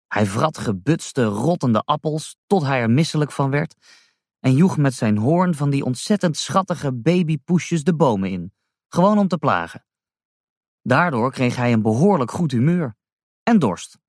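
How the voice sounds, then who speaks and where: A man reading a rhyming children's story aloud as a storyteller, slow and expressive. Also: mid-range voice, dry recording, clean studio sound.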